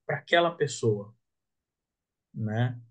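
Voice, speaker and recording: A man guesting on a casual podcast talks reflectively and slowly in an animated, mid-range voice. He often tags the end of his thoughts with a questioning "né?".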